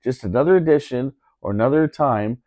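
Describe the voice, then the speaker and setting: A man's voice: medium pitch, brisk, mellow, no room sound. A man telling a story in a casual podcast chat, indignant, repeating himself with lots of fillers.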